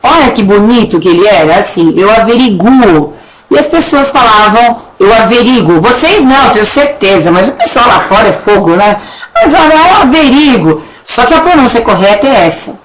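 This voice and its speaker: A woman teaching a recorded Portuguese grammar lesson with a Brazilian accent, chatty, checking in often with her students and slowly stretching words to show how they are pronounced. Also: mid-range voice, lively intonation. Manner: drags words out slowly to demonstrate pronunciation. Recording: faint background noise and clicks.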